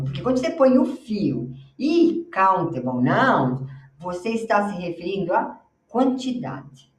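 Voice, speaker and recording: A Brazilian woman teaching English on slides. She explains in Portuguese, models pronunciation slowly and keeps checking in with the class. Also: medium pitch, a little mellow. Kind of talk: slide-based language lesson. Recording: roomy, slightly distant mic.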